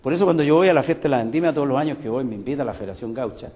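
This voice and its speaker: A man's voice: medium pitch, animated, very fast, dark tone. Older Chilean man lecturing in a hall. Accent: Chilean Spanish. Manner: emphatic, rhetorical, many asides. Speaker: guest speaker, music teacher and folklorist. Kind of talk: public talk to an audience. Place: cultural center hall. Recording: long hall reverb.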